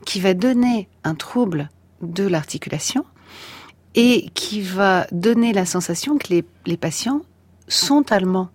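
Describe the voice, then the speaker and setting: A woman's voice: medium pitch, animated, a little slow, dry recording. A woman guest, a neuropsychologist, explaining with enthusiasm in a radio interview. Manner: enthusiastic, explanatory, some restarts.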